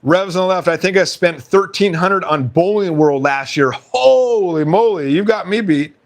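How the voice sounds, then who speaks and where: On his relaxed live stream, a man reads viewer comments and chats at a moderate pace, often breaking into laughter. His voice is fairly high and a bit hoarse.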